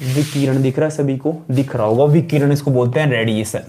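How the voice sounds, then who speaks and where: A man's voice: mid-range voice, steady tone, brisk, mellow, a little hiss or hum. A man with a Rajasthani-tinged Hindi accent teaching a college chemistry class, repeating each term and quizzing his students. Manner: repetitive call-and-response questioning, calls students "beta". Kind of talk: classroom lecture.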